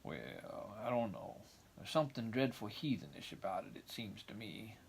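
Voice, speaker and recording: A man voicing a shy old country farmer in a storybook, talking slowly and hesitantly with a folksy drawl. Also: fairly low pitch, sing-song, creaky, a little hiss or hum. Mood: doubtful.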